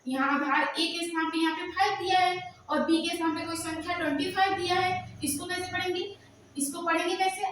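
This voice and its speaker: A woman teaching a math lesson who keeps asking questions and answering them herself, drawing out formulas slowly as she dictates them. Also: very high voice, a little hiss or hum. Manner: slow, drawn-out dictation of formulas. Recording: very echoey room, voice from far off.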